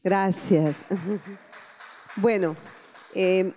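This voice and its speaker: A woman's voice: medium pitch, steady tone, extremely slow, darkish tone, slight background noise. A woman moderating a book event, speaking hesitantly. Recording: long hall reverb.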